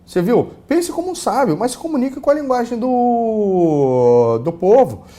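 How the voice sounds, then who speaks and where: A man with a Brazilian accent giving an online course lecture on a lapel mic, casual and full of fillers and repeated words, swinging between loud and soft. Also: very high voice, normal speed. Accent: Brazilian Portuguese. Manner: casual, many fillers and repeated words, lively shifts in loudness. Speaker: course instructor.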